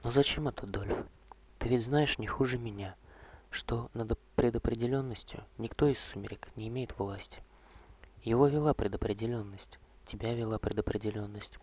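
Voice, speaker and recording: A man voicing a weary, gentle old male vampire courtier who speaks slowly and softly, often in a whisper, with a husky voice. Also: medium pitch, natural voice. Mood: sorrowful. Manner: soft, slow, hushed, often whispered.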